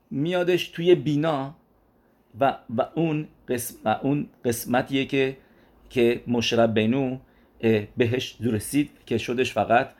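A man giving an explanatory religious lesson. He poses questions and answers them himself, weaves Hebrew religious terms into his speech, and often repeats and restarts phrases as he explains. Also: medium pitch. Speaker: religious teacher.

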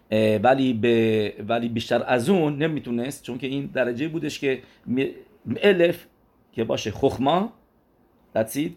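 A man's voice: mid-range voice, a little mellow. Man teaching a religious lesson. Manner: asks questions and answers them himself; weaves Hebrew religious terms into his speech.

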